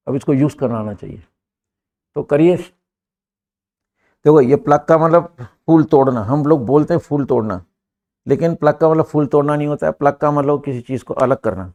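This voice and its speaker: Older Indian-accented male teacher, gravelly, emphatic, rhetorical, heard from across a classroom. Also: a little high, darkish tone. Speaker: English teacher. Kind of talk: classroom lesson.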